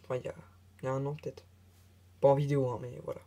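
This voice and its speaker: Hesitant man with a mellow voice. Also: medium pitch, level tone, racing. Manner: hesitant, many filler sounds, chatty asides. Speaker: tech tutorial presenter. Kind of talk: casual screen tutorial narration.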